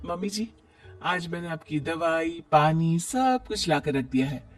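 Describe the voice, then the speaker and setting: A man's voice: fairly high pitch, animated, measured pace, faint music behind. Man doing a stubborn young wife. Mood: defiant.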